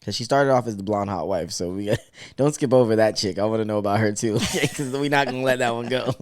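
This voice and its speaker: A man's voice: medium pitch, very animated, a little fast, no room sound. A man hosting a podcast in casual chat, joking, swearing and laughing often. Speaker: podcast host.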